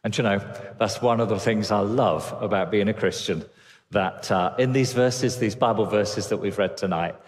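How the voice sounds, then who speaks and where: A man's voice: on the low side, moderate pace. An older man preaching an earnest sermon from a church stage, speaking into a headset mic. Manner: expansive gestures, earnest. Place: church stage with drum kit. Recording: reverberant church hall.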